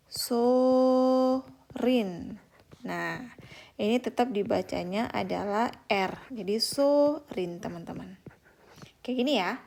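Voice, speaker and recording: A young woman teaches a beginner language lesson to an online audience. Her mid-pitched voice carries a noticeable vocal fry. She speaks patiently, drawing out example words and turning to her viewers as friends. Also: a little mellow.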